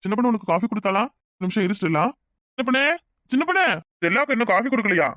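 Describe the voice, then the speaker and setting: A flustered husband from a cartoon family drama, rattling off lines at breakneck speed. The sound is bone-dry and close, with no room around it. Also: male voice, high voice, a bit bright, no room sound. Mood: fussing. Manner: hurried, pleading, scolding in turns. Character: harried husband, eager to please. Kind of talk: cartoon voice acting.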